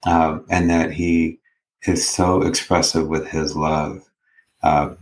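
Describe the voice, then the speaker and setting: A man's voice: very deep voice, flat delivery, slow pace, slight background noise. A man speaking as a podcast guest, thoughtfully sharing personal reflections and often checking for agreement. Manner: thoughtful, tag questions seeking agreement.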